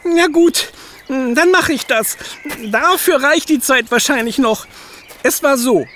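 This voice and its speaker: An actor playing Hugo, an excitable, fretful animal in a children's audio drama, talking in a rush of worry. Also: male voice, extremely high pitch, slow, heavily acted. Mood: storytelling. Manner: anxious, excitable, eager. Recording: audible background noise.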